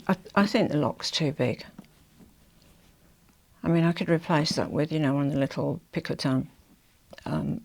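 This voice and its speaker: An older English woman with a low, croaky, hoarse voice chats casually to camera as a fashion vlogger. She rambles, slipping in confiding asides.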